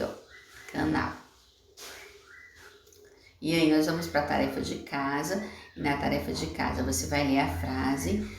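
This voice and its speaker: A woman's voice: low voice, vocal fry, a little hiss or hum. A woman teacher patiently explaining a homework lesson to young children, asking them questions as she goes. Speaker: primary school teacher. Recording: echoey room, voice from a distance.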